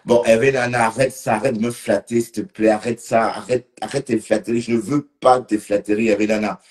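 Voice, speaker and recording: A man's voice: lowish voice, flat delivery, a little fast, darkish tone. A man a bit tipsy, rambling casually on a live stream and talking to commenters by name. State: slightly tipsy.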